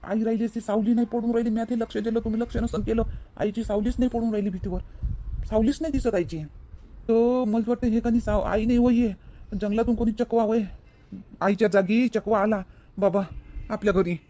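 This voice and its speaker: Brief: man as a young village son, highish voice, whispering urgent warnings. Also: fairly even intonation, fairly quick, natural voice. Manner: hushed, urgent, conspiratorial.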